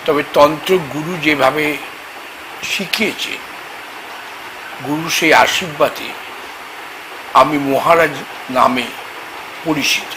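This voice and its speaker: A man, a tantric astrologer, talking slowly and haltingly about faith at a temple, with sudden loud emphatic bursts. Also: a little high, noisy background. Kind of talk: spoken religious talk to camera. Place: temple grounds, outdoors.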